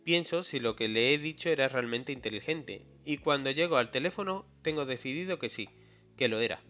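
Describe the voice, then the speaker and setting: A man's voice: mid-range voice, lively intonation, a little fast, pushed and bright. A man reading a first-person novel aloud in a wry, conversational storytelling manner. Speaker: audiobook reader. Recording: slightly muffled, faint music behind.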